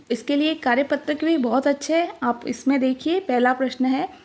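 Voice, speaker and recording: A woman teacher slowly explaining a workbook, spelling out each word with care. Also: a little high, darkish tone.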